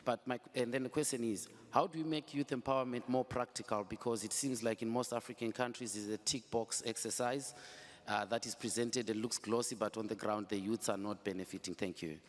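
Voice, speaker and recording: A man's voice: mid-range voice, steady tone, fairly quick. Man from Zimbabwe, polite audience questioner, hall reverb. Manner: polite, with fillers. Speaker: audience member. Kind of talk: asking a question at a forum.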